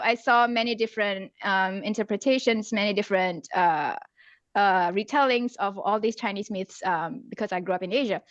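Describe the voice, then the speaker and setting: A woman from Singapore, an author, chatting casually about her story, hesitant with many pauses and laughs. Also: on the high side, a bit bright, no echo. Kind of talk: casual chat. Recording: dull dry lo-fi sound.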